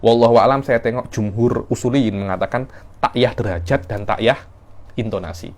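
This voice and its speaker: A man's voice: mid-range voice, moderate pace, a little mellow. A man teaching Islamic legal theory in a class, explaining the text and acting out short examples. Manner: explains in a mix of Malay and Arabic terms, with acted examples.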